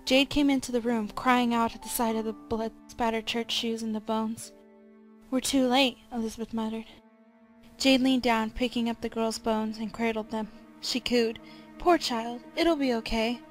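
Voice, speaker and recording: A woman reads a scripted serial tale in a measured, deliberate storytelling manner. Her voice sits a little high and moves very little in pitch, staying even from line to line. Soft music plays quietly behind her. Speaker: narrator.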